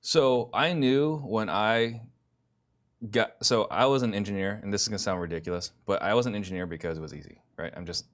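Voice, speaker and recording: A man as a podcast guest, telling his story in a relaxed chat and acting out the quotes. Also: lowish voice, brisk. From born in Italy, raised in Arizona. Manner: animated storytelling with acted quotes. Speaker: interview guest. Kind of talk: casual conversation.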